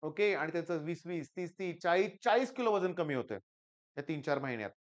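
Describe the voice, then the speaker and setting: A middle-aged man from Maharashtra with a Marathi accent, a tutor giving a motivational coaching talk to exam students, emphatic and repetitive, swinging between loud stresses and quiet asides. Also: fairly high pitch, lively intonation, a little fast. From Maharashtra, India. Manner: emphatic, often repeats "lakshat ghya".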